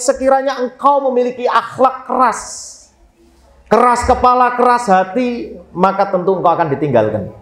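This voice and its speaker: A man delivers a sermon in a high, bright register. He keeps it lively and joking. The sound rings around an echoey hall. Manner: lively, joking with Javanese phrases. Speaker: preacher.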